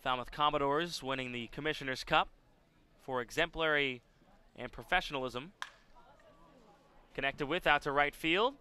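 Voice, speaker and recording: A man gives live baseball play-by-play. His voice sits a little high, with a bright edge and a smooth, resonant clarity. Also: normal speed, long pauses. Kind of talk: live sports commentary.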